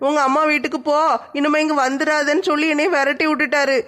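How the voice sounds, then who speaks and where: A woman's voice: high voice, little pitch movement, quick pace, fairly bright tone. A woman playing a spoilt, whiny young married daughter in a comic skit, complaining to her father in a Tirunelveli Tamil accent. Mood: whining.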